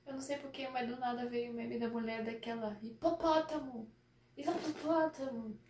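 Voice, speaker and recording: Young woman reaction host, higher voice, dramatic and excitable, echoey room. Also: fast, slight background noise. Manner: excitable, dramatic, drops to soft murmurs. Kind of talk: casual live reaction. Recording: echoey room with faint music.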